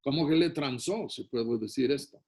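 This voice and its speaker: A man's voice: mid-range voice, moderate pace, dark tone. A man with a Mexican Spanish accent, preaching as a pastor and retelling and reading a Bible story with asides to the congregation. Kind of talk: sermon.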